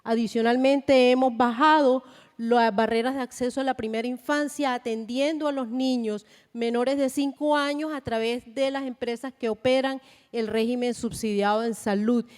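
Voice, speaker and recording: A Colombian woman speaking at a conference panel, measured and deliberate with frequent hesitations. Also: a little high, steady tone, darkish tone. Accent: Colombian Spanish. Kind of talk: conference presentation. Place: large conference hall. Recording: long hall reverb.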